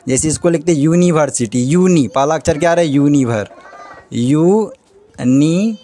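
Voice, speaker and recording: A man's voice: fairly high pitch, fast talker, mellow. A male teacher giving a grammar lesson, asking questions and answering them himself again and again.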